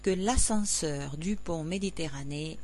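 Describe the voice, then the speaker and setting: A woman announcer reading scripted public announcements, like those at an airport or station, in a formal, measured way. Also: low voice, darkish tone, a little hiss or hum.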